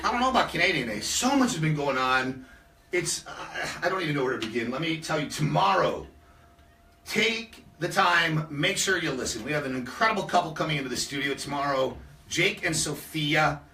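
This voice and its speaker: A man co-hosting a live radio show, cheerfully plugging events. His voice is bright and lively in pitch. He sits a little back from the mic in an echoey studio. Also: moderate pace, far from the mic, a little hiss or hum. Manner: upbeat, plugging events with laughs. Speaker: radio co-host.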